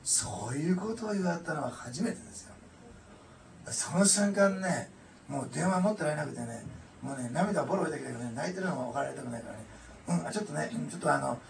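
A man's voice: fairly high pitch, lively intonation, fast talker, creaky. A male pastor giving an earnest, emotional testimony sermon, often adding "ne" to his sentences. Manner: earnest, emotional storytelling with frequent "ne". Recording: echoey room, distant mic, noisy.

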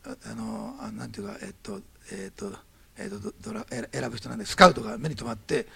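A pastor preaches a sermon in a heavily gravelly, husky voice, speaking fast. His pitch swings widely as he acts out the people and their quoted dialogue in a lively anecdote, then he turns to prayer.

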